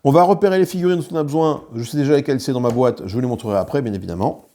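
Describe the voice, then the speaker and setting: A man's voice: mid-range voice, rapid-fire, mellow, a little hiss or hum. A man hosting a board game channel, talking viewers through a solo playthrough with frequent fillers and restarts. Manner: talks viewers through card rules while handling components.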